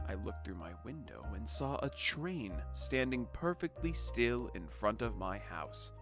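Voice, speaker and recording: Man with a lively, sarcastic storybook voice. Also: mid-range voice, unhurried. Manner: crude, sarcastic asides breaking a calm reading. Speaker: narrator. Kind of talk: comedic parody storybook reading. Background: background music.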